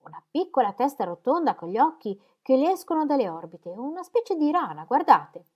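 A woman reading aloud voices a sharp-tongued society lady who gossips and teases. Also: sits high, big pitch swings, voice pushed up. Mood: mocking. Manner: teasing, mocking, quick remarks.

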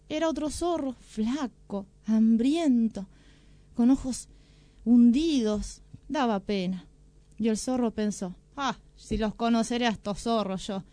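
Lady reading a kids story on radio, lively, kinda high voice, dry studio. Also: dry recording. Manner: expressive, animated. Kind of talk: storybook narration.

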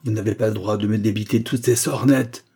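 A man's voice: mid-range voice, moderate pace, mellow, husky, natural voice. A man voicing a bitter, grieving male doctor who lashes out indignantly, hammering each word. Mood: furious, contemptuous.

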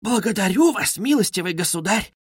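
A man's voice: animated, normal speed, fairly bright tone, slightly rough, no room sound, clean studio sound, heavily acted. A man reading aloud and voicing a proud, frantic middle-aged widow who wails and scolds. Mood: haughty pleading. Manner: shrill, wailing, haughty.

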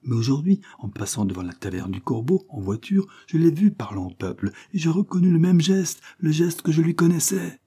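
Audiobook: a man doing a worried young wife, pleading, lifted pitch, breathy. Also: big pitch swings, brisk, hardly any pauses, warm tone. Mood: urgent. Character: anxious young wife, hurried and secretive.

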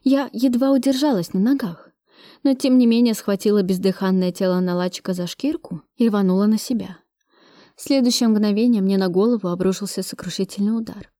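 A woman reading a first-person action story aloud, steady and brisk, close to the mic. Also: medium pitch, no echo. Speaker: audiobook reader. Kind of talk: first-person audiobook narration.

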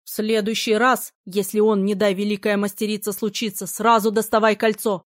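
A woman's voice: medium pitch, flat delivery, normal speed, no room sound, studio quality, natural voice. A woman reading the lines of a domineering male battle mage, commanding and silky by turns. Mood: softened. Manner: commanding, then silky and menacing.

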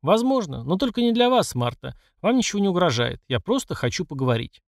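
Brief: male narrator playing an ironic, unhurried old emperor in an audiobook, lively pitch. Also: creaky, dry recording, studio quality, heavily acted. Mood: amused calm. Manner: politely teasing, unhurried. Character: calm ironic aging male emperor, bald.

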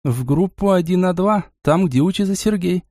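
A male narrator voicing a sharp-tongued, sarcastic young woman in an audiobook. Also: sits high, normal speed, no echo, clean studio sound, voice pushed up.

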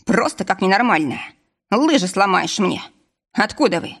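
Female reader as gruff middle-aged forester, rough, blunt, storybook. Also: mid-range voice, lively intonation, moderate pace, fairly bright tone. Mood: grumbling. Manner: scolding, blunt.

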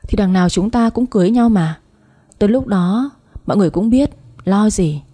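A woman voicing a scheming young stepmother, shrill and quarrelsome, in a spoken story. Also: lively intonation, a little fast, mellow, slightly rough. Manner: shrill, nagging.

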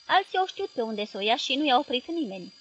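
Ironic moody young woman, cool and a bit mocking, highish voice, woman reading her lines. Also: very animated, slightly rough, dull audio, heavily acted.

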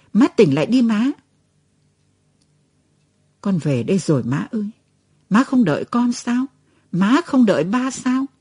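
A devoted young daughter, pleading through tears, as a woman puts her on in a storybook. Her voice is warm and slightly breathy and swings widely in pitch. The recording is close and dry. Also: exaggerated voice. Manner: pleading, tearful.

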